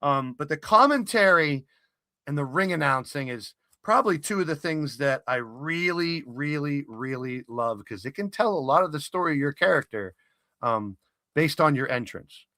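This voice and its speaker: A man hosts a live stream in a relaxed, chatty way, pausing on plenty of fillers as he walks through his points. His voice is bright and forward, and it sits a little above the usual pitch for a man. The sound is close and dry, with no room around it. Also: no echo. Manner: conversational, explains things step by step with many fillers. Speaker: stream host. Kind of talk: casual live-stream chat.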